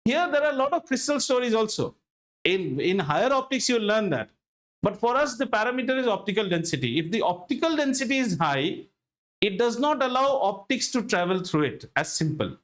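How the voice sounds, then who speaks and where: A man with an Indian accent teaching a school lesson, animated and emphatic, often repeating himself and asking rhetorical questions. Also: sits high, a little fast. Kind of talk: interactive classroom lesson.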